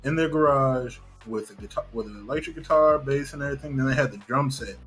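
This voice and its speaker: Man, co-host, animated slangy banter, swears a lot, mid pitch, faint music behind. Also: quick pace. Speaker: podcast co-host. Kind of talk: casual gaming chat.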